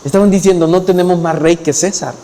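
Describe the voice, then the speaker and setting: A man's voice: steady tone, fast, dark tone, slight background noise. Man preaching in an echoing hall. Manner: retells scripture in acted quotes, lowering his voice for them; rises in pitch when pressing a point. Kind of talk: expository sermon. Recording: long hall reverb.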